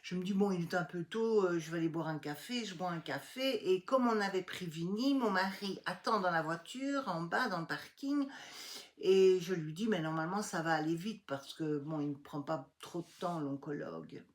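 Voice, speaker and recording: Lively middle-aged woman telling a story. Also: normal speed. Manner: animated retelling, acting out dialogue with rising pitch. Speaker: vlogger. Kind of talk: casual storytelling vlog.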